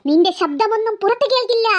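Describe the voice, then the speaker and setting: A performer doing a gloating ghost girl. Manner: slow, low, gloating threats with cackling. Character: menacing ghost girl, bloodthirsty and sneering. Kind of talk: cartoon voice acting.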